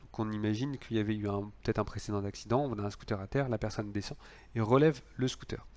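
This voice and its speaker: A man's voice: fairly low pitch, fairly even intonation, quick pace, darkish tone. A man lecturing on law, explaining cases with frequent fillers and restarts.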